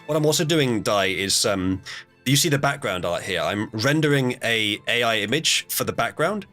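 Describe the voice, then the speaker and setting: A man's voice: medium pitch, lively intonation, normal speed, pushed and bright, faint music behind. A man hosting a live stream, chatting casually with fillers and restarts and reading out game turns.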